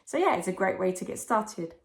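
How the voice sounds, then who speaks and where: A woman's voice: medium pitch, sing-song, a little fast, a little hiss or hum. A young woman chatting casually and enthusiastically as she recommends children's books, explaining things in simple, rambling phrases. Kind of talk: casual chat, book recommendations.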